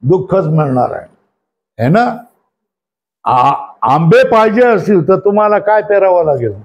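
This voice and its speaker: A man's voice: high voice, expressive, measured pace, dull audio. A male spiritual teacher giving a scripture class, constantly questioning his students and telling them to number and underline passages. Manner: asks the class constant questions and checks for agreement.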